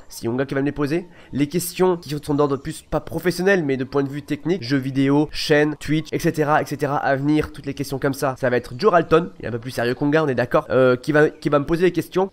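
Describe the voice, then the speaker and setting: Rapid-talking young man rambling. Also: fairly high pitch. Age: 20s. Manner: rambling, repeats himself, self-correcting. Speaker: gaming YouTuber and streamer. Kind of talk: casual Q&A vlog talk.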